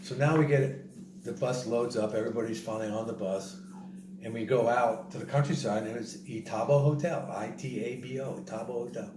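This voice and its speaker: Man telling an animated story, distant and roomy. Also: medium pitch, a little fast. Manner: animated, repeats himself, acts out other people's words. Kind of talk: casual spoken travel story. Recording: roomy, distant mic, noisy background.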